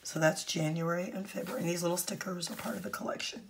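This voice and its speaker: Hoarse, croaky woman who has lost her voice. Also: fairly low pitch, little pitch movement, fast, slight background noise. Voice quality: husky, croaky, often breaking into a whisper. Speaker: craft channel host. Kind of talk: casual craft project walkthrough.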